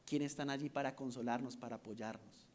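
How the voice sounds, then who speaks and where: A man preaching a sermon to a congregation, asking rhetorical questions and swinging between loud emphasis and hushed asides. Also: medium pitch, steady tone, fairly quick, slight background noise.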